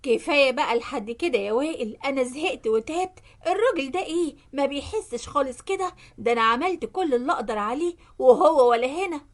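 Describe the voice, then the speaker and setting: A woman's voice: high-pitched, expressive, fast talker. Woman doing a scheming, flirty Egyptian secretary. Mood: impatient scheming. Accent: Egyptian Arabic.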